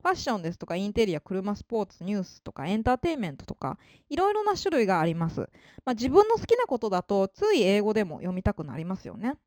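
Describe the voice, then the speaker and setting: A woman giving an informal spoken lesson of study advice, polite in manner, with frequent fillers and emphatic pauses. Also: medium pitch, wildly swooping pitch, a little mellow, no room sound, studio quality. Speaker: English-learning advisor.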